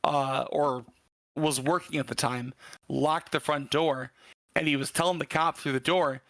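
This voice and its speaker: A man's voice: on the high side, steady tone, measured pace, a bit bright, no echo. A man from Michigan, a podcast guest, telling a story in a rambling way with lots of fillers and casual swearing. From Michigan, USA.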